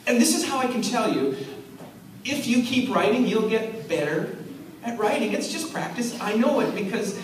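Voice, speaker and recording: A man, an author, giving a lively talk to schoolchildren at an assembly. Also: high-pitched, normal speed. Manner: animated storyteller, acts out voices and hums riffs. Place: school hall with audience. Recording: echoey hall from far off, noisy.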